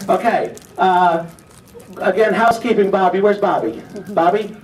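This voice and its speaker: A man's voice: sits high, normal speed. A man acting as emcee, delivering a teasing, off-the-cuff comic monologue to a gathering. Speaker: auctioneer and event emcee. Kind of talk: joking opening monologue to a gathering. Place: large room at an event, audience behind. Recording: echoey hall, distant mic, audience noise.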